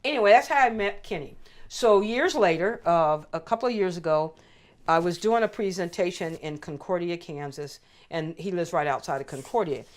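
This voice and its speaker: An older woman from California recounting personal family history in an interview, telling her stories with lively acted-out dialogue. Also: lowish voice, moderate pace. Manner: animated storyteller who acts out the voices of people she quotes. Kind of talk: storytelling interview.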